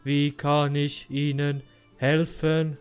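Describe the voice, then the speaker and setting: A man voicing a slow, stiff male robot helper, speaking in a drawn-out robotic monotone during a co-op game recording. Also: fairly high pitch, clean tone, soft background music.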